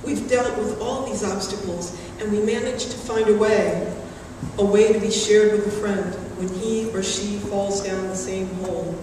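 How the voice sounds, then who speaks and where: Speaking for the graduating class, a middle-aged woman reads a prepared speech at a podium in a large hall, her manner earnest and measured. Her pitch is medium and her intonation fairly even. The audience recording is distant and heavily echoey, with noise in the background.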